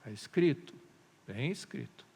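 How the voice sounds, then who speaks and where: Animated preacher with long hall reverb. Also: male voice, mid-range voice, a little slow, creaky, breathy edge. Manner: animated storytelling, asks "amém?" often. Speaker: pastor. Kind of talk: sermon. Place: church hall.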